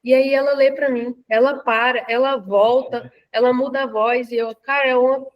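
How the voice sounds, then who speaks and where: Hesitant Brazilian woman, slightly high voice. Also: steady tone, moderate pace, lo-fi sound. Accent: Brazilian Portuguese. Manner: hesitant, many fillers and restarts. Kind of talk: casual discussion in a lecture.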